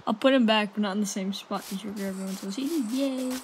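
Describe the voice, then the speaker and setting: A woman giving casual, excitable commentary while she plays a game, reacting with yelps and gasps. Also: medium pitch, fast talker. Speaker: gaming channel host. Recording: noisy home recording with mouse clicks.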